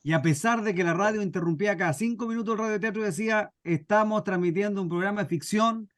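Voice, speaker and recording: A middle-aged Chilean radio drama scriptwriter and workshop speaker introduces himself to a group, his voice sitting high and moving fast. He tells anecdotes informally, with somewhat hesitant phrasing.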